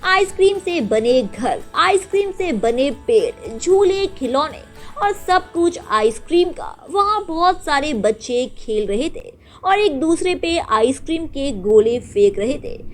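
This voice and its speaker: A woman narrating a children's story in an animated, sing-song way. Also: high-pitched, slow, faint music behind.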